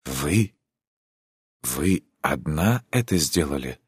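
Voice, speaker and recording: A man's voice: a bass voice, lively intonation, slow pace, breathy edge, no echo, studio quality, heavily acted. A man voicing an embarrassed young prince in an audiobook, formal and restrained in how he talks. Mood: troubled. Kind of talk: audiobook character reading.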